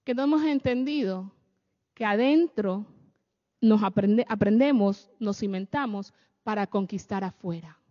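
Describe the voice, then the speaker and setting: A woman's voice: mid-range voice, a little slow, warm tone. A woman giving a sermon-style talk on family, often checking in with her listeners through rhetorical questions. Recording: echoey hall, dull lo-fi sound.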